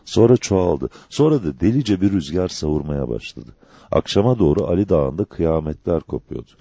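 A man reading a dramatic novel aloud as an audiobook narrator, in an expressive storytelling manner. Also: low voice, moderate pace, gravelly, breathy edge, dry recording.

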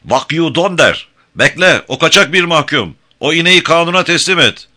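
A man voicing a cruel male colonel, bellowing hoarsely in rage. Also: on the high side, expressive, normal speed, sharp tone, voice pushed up. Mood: furious. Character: furious shouting male colonel, cruel commander.

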